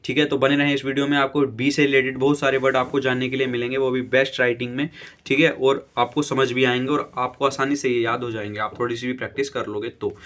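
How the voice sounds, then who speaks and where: A man teaching English vocabulary, slowly spelling each word letter by letter and often checking in with his viewers. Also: mid-range voice, little pitch movement, a bit bright. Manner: spells words letter by letter, repeats "theek hai". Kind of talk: slow dictation-style vocabulary lesson.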